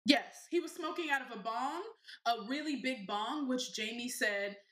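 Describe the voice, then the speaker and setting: A woman co-hosting a podcast, recapping a film in an animated, profane storytelling manner full of quoted asides. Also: a little high, normal speed, echoey room. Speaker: podcast co-host. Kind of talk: casual chat.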